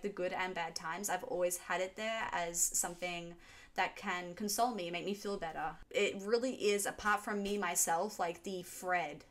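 Chatty Australian woman in her twenties. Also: mid-range voice. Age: 20s. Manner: chatty and animated, gesturing with her hands. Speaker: YouTube music reaction host. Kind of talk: casual Q&A vlog. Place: small room at home with shelves.

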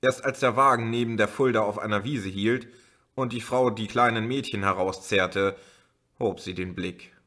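A man reading a novel aloud as an audiobook in a slow, measured way. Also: lowish voice, sharp tone. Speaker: audiobook reader. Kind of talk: audiobook narration.

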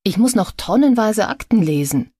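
A woman reading an audiobook, voicing a tired, stubborn female detective who speaks gently. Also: medium pitch, lively intonation, moderate pace, husky, dry recording, studio quality, voice pushed up.

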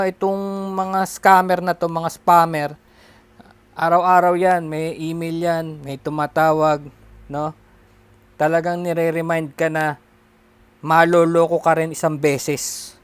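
Exasperated man from the Philippines, vlog rant, unhurried, smooth dry voice. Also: high-pitched, no room sound. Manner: exasperated, rhetorical tag questions. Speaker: vlogger. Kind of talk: casual rant to camera.

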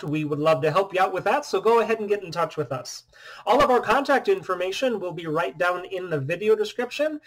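A man in his thirties, a phone shop owner, explaining a phone demo in a steady, matter-of-fact way from a small room indoors. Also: a little high. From US Midwest. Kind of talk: product demo vlog.

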